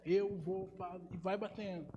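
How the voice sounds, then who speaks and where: A man's voice: sits high, steady tone, measured pace, warm tone, lo-fi sound. A man, preaching a sermon as pastor and putting rhetorical questions to his congregation. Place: church hall. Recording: live church stream with long reverb and faint hum.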